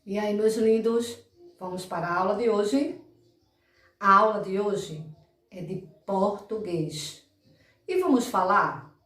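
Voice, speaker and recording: A woman's voice: medium pitch, fairly bright tone. A Brazilian woman teaching children in a recorded lesson, stretching out words and checking in often. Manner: drawn-out, emphatic enunciation of words, frequent "tá?" checks. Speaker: primary school teacher. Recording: echoey room, mic far off.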